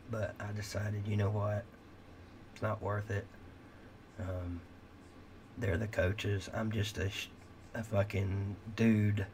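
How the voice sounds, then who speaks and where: A middle-aged man hosts a late-night livestream in a lowish voice, with slight background noise. He rambles candidly and swears, and he's losing his voice as he goes.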